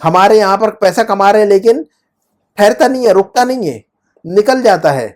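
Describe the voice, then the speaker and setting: A man's voice: sits high, a little mellow. Patient man teaching Arabic grammar. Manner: explanatory, checks understanding with frequent questions. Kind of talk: explaining Arabic grammar in Urdu.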